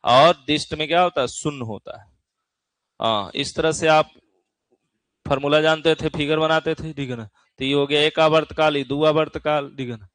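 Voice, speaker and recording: A man's voice: fairly high pitch, moderate pace, fairly bright tone, no echo. A middle-aged man with a Bihari accent teaching an exam-prep physics class in a folksy way, often checking in with his students. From Bihar, India.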